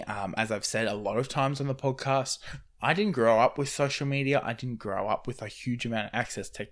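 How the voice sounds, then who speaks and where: A man's voice: medium pitch, a bit bright. A young man hosting his podcast, talking off the cuff in a rambling, casual solo update. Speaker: podcast host. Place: indoors near street traffic.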